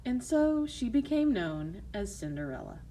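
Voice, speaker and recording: A woman's voice: mid-range voice, very animated, measured pace, dark tone, poor audio. A woman narrating a fairy tale in a storytelling style for listeners.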